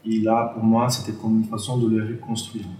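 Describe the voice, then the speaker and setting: Guy w foreign accent in french, not native, halting informal talk, searching for words, roomy and far from mic. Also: fairly low pitch, completely flat delivery, darkish tone, a little hiss or hum. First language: not a native French speaker. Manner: hesitant, self-correcting, searching for words. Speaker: artist presenting an exhibition. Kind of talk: informal spoken presentation. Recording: roomy echo, distant microphone.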